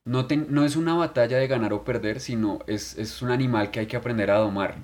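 A man, co-hosting a podcast in casual chat, telling stories in a crude, animated way full of swearing. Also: mid-range voice, fairly quick. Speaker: podcast co-host.

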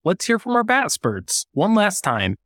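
Slow-talking podcast host man. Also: high-pitched, huge pitch swings, fairly bright tone, no echo, studio quality. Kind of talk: casual chat.

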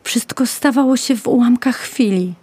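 A woman narrating a children's story in a gentle, measured way. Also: on the high side, slightly rough, dry recording.

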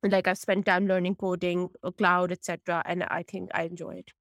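A woman's voice: lowish voice, level tone, fairly quick, fairly bright tone, no room sound. A woman in her late twenties from Pakistan, a tech consultant chatting candidly as a podcast guest. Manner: chatty, candid, many restarts. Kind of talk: podcast interview.

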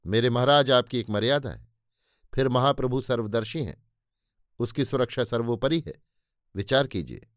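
Male reader doing steady female attendant, firm, composed, dry close sound. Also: mid-range voice, moderate pace, long pauses, no echo, natural voice. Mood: soothing.

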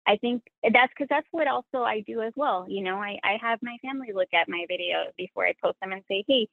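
On a tinny phone line with no room sound, a mid-range, creaky voice speaks a little fast. It belongs to a sewing content creator whose first language is Spanish, interviewed as a guest and talking in an earnest, reflective, self-critical way.

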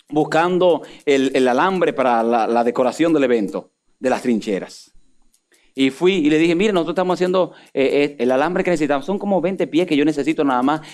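A man preaching a sermon, swinging from loud emphatic peaks down to low asides. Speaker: pastor.

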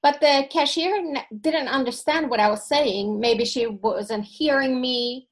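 A woman with a high-sitting, unhurried voice chats as a podcast guest, reflecting on her life through stories laden with fillers. She is from Sweden, and her first language is Finnish.

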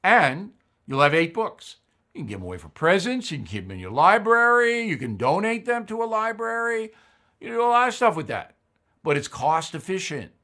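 A man hosting his own commentary show, with a fairly high voice for a man. He talks bluntly and conversationally and drops in fillers as he goes. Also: sing-song, normal speed, pushed and bright. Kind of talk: opinion commentary.

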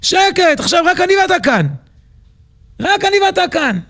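A man's voice: very high-pitched, animated, fairly bright tone. A man voicing a strict royal tutor who speaks firmly and commands. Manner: firm, commanding.

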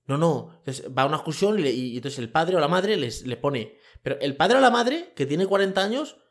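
A man talks into a microphone in a loose, emphatic monologue. His voice sits a touch high for a man. He rambles and circles back on his points in a colloquial way. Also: very animated, a little fast. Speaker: podcast host. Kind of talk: opinion monologue. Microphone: microphone with camera.

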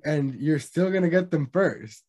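A man's voice: a little high, a little slow, darkish tone. A young man co-hosting a casual gaming chat, rambling and swearing freely. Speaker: podcast co-host.

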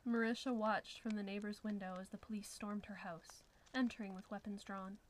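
Casual: lady reading a scary story, whispery and hushed, mid-pitched voice, faint hiss in the background. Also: steady tone, normal speed, rough recording. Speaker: narrator. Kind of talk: scripted horror story narration.

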